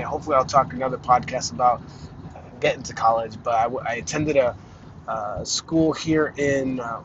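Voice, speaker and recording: A man in his thirties, raised in Arizona in the United States, hosts a casual solo podcast, rambling with plenty of fillers and restarts and a self-deprecating manner. His voice is medium-pitched, and the recording is muffled with background noise.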